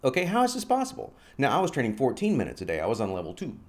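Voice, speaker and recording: A man in his forties talking straight to camera about his workout program. His voice is mid-pitched and very lively, jumping high when he acts out questions and dropping low for asides. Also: very fast. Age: 40s. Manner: animated storyteller, acts out both sides of dialogue. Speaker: fitness vlogger. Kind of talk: casual promotional vlog.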